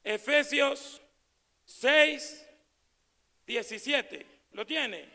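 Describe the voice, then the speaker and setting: A man preaching an evangelical sermon as pastor, swinging between shouted proclamation and low, quiet asides. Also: drawn-out words, vocal fry, long reverb tail.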